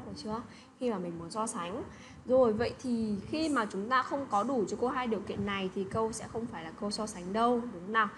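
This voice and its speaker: Background noise accompanies a woman with a mid-range voice explaining an online English lesson to children. Throughout, she checks in with little tag questions.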